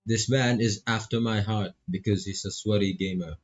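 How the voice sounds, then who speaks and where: A man with a Filipino accent narrates his visual novel session, casually voicing the dialogue with playful asides. He has a lowish voice with fairly even intonation and a moderate pace. The sound is lo-fi, with music in the background.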